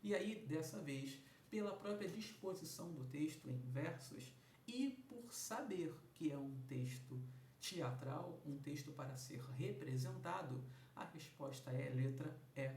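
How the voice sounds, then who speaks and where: A man teaching an exam review lesson, who slows down and stresses words loudly when breaking them into sounds. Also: expressive. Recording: echoey room, mic at a distance, faint rumble.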